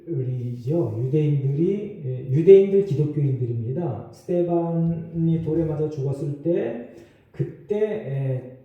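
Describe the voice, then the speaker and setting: A man with a fairly high voice preaches a sermon a little slowly, as pastor in a church sanctuary. The lo-fi recording has a roomy echo from a far-off mic, and he talks loosely with asides and small laughs.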